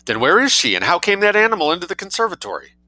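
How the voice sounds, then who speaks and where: A man's voice: medium pitch, big pitch swings, moderate pace, sharp tone, dry recording, pitched above the performer's own voice, poor audio. A man voicing a blustering, indignant English colonel in a short story, thundering his demands. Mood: demanding.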